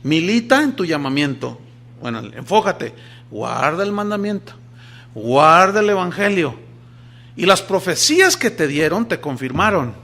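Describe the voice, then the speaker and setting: A man, a pastor, preaching a sermon, moving between loud emphatic lines and quiet asides while acting out quoted voices. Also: sits high, very animated, measured pace, vocal fry.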